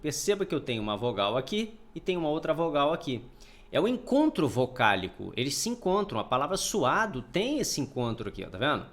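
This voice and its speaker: A man's voice: a little high, sing-song, brisk. A man teaching a recorded grammar lesson, explaining step by step, often checking in with his students and sounding out words syllable by syllable. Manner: explanatory, repeats points, checks in with "tá?". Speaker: Portuguese teacher.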